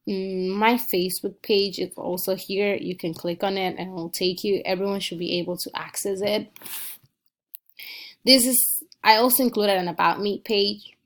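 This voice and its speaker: Speaking at a normal speed with fairly even intonation, a young Dominican woman in her 20s gives a screencast tour of her personal website. She has a mid-range voice, and as a student narrating casually, she comes across as earnest, often saying um and restarting small bits.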